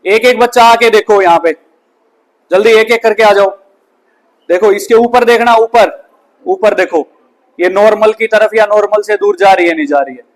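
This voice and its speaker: Male classroom science teacher with a very high voice, who quizzes the class and answers his own questions. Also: moderate pace, pauses often, poor audio. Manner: asks the class questions and answers them himself; often ends lines with "bhai". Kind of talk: classroom physics lesson. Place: school classroom.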